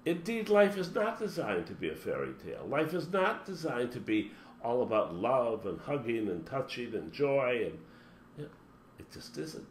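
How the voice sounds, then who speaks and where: His pitch is medium but swings widely, and he keeps a moderate pace while speaking as a spiritual teacher in an emphatic motivational talk packed with long lists. The audio carries a spacious echo and faint hum.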